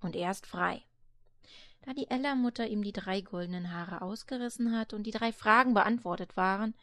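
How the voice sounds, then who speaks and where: A woman reading a fairy tale aloud in a calm, measured storytelling voice. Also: mid-range voice.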